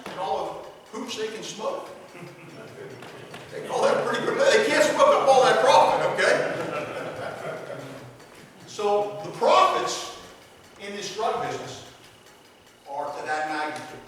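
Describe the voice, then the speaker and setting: A man's voice: high-pitched, moderate pace, fairly bright tone. A man from a sheriff's office giving a talk to an audience. He talks conversationally, repeats himself and asks the room "okay?" and "right?". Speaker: public speaker from a sheriff's office. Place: large echoey hall with an audience. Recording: echoey hall from far off, faint hiss.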